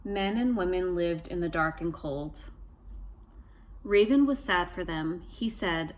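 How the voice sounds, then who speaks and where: A woman's voice: lowish voice, takes it slowly. A woman reading a trickster tale aloud from a picture book, prompting young listeners with questions and wondering aloud. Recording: steady background ambient noise.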